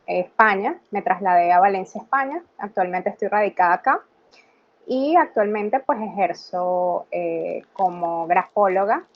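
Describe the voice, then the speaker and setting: A woman in her thirties, a graphologist talking as an interview guest in a relaxed, conversational way with many "eh" and "ok" fillers. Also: mid-range voice, measured pace, muffled recording. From Venezuela. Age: 30s. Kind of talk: casual video-call interview.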